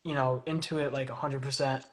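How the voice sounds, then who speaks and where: Streaming live from a phone, a young man hosts a casual interview in a medium-pitched, steady, brisk voice. He comes across as hesitant and uses a lot of fillers.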